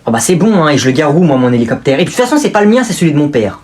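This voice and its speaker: A man's voice: fairly high pitch, big pitch swings, rapid-fire, a little mellow. A man playing a smug, spoiled rich young man who talks down to everyone in a whiny, dismissive way. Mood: scornful. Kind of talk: comedy sketch acting.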